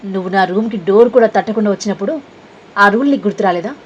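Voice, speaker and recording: A woman's voice: mid-range voice, quick pace, highs cut off, slight background noise, close to an everyday voice. A woman voicing a headstrong young woman who scolds sharply, in a storybook reading. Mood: defiant.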